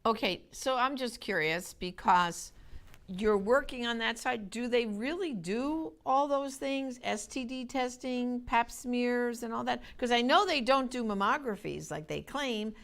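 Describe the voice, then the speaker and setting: A woman's voice: a little high, a little slow, a bit bright. An American woman hosting a program, introducing and questioning in a conversational interview style.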